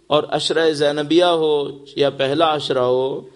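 A man's voice: fairly high pitch, steady tone. A man preaching a mourning sermon, impassioned and building to lamenting cries.

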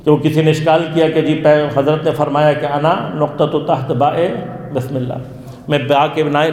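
A man with a high voice gives a religious lesson to a class, posing questions and then answering them himself. He is heard in a roomy hall with a long reverb trailing after each phrase. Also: a little mellow. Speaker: religious teacher. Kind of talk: interactive lecture.

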